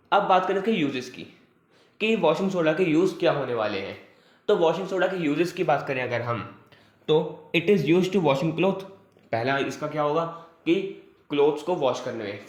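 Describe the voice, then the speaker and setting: Male chemistry tutor, fairly high voice, roomy sound, drills each point with questions and frequent check-ins. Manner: repetitive question-and-answer teaching, frequent "theek hai". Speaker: chemistry teacher. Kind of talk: online class lecture in Hindi with English terms. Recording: echoey room.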